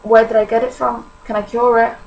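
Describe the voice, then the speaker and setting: In a personal vlog confession, an eighteen-year-old vlogger from Poland talks candidly to her camera with a Polish accent. Her slightly high, darkish voice carries heavy vocal fry, and her delivery is flat and fairly quick, informal and packed with fillers. The audio is poor, with a faint hum behind her.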